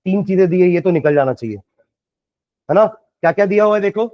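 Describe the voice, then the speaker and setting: A man's voice: high voice, expressive, normal speed, dry recording, lo-fi sound. A man with an Indian accent teaching science, working through problems step by step and quizzing his students. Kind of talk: classroom lecture solving problems.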